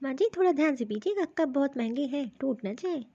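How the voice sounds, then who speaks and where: A woman's voice: high voice, animated, a little fast, mellow. A woman voicing a modern, touchy young daughter-in-law from the city in a cartoon story, talking in a curt, complaining way. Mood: irritated. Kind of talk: cartoon voice acting. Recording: dull, dry lo-fi recording.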